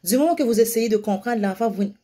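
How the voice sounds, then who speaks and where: A young woman giving parents casual advice, lively and now and then slipping into sing-song baby-talk examples. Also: on the high side, fast talker. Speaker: parenting vlogger giving tips.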